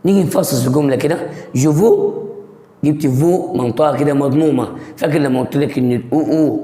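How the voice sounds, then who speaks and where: An Egyptian-accented man teaches a lesson at an ordinary mid pitch. He quizzes the listener and answers himself, step by step. His voice rings in a room with a long, echoing reverb. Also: mellow. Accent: Egyptian Arabic. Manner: reads example sentences out slowly. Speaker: French teacher. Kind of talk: language lesson.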